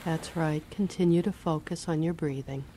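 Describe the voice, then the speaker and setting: A woman reading a guided relaxation and hypnosis script in a slow, soothing, measured way. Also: deep voice, steady tone, warm tone, a little hiss or hum.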